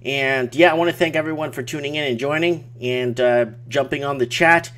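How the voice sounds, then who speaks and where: A man's voice: medium pitch, a little fast, a bit bright. A man hosting a casual late-night live stream, speaking emphatically and repeating words for effect. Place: small home office at night.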